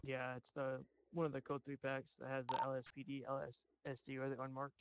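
A man's voice: mid-range voice, completely flat delivery, quick pace. A man roleplaying a police dispatcher, switching between casual chat and radio calls. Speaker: player acting as police dispatcher. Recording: dull lo-fi voice chat, faint noise.

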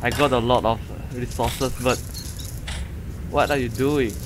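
A gamer hosting a gameplay video chats casually with a co-player in colloquial English with a Malaysian accent, dropping in "lah" and Malay words. His voice is medium-pitched, with fairly even intonation and an unhurried pace. Video game ambience and sound effects are clearly audible in the background.

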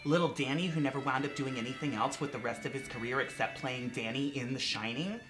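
A young man co-hosting a casual horror film chat in a campy, gushing, animated way. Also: medium pitch, quick pace. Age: young adult. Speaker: co-host. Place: indoor horror-themed studio set. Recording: music behind the voice.

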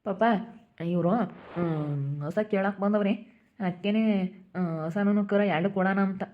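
A woman's voice: mid-range voice, slow, narrow, tinny audio, close to an everyday voice. A woman playing a patient village father who explains things plainly and repeats himself, with a rural Hiriyur accent. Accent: Hiriyur rural Kannada.

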